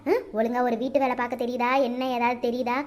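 A woman's voice: on the high side, little pitch movement, fast talker, a little mellow, pitched below the performer's own voice, natural voice. A woman voicing a domineering older mother-in-law in a cartoon, scolding and giving orders with a Kanyakumari Tamil accent. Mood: scornful. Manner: scolding, commanding.

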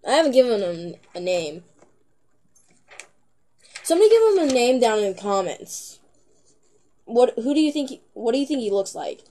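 Speaking at a normal speed in a fairly high, sing-song voice with a dark tone, this young teen girl vlogs to camera. Her talk is loose and rambling, broken by long pauses, giggles, and lots of filler words like "um."

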